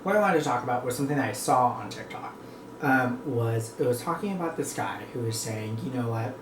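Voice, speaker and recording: A North American vlogger talks casually and reflectively to viewers, rambling between bites of food. The voice is medium-pitched, expressive, and a little fast, recorded in an echoey room with clear background noise.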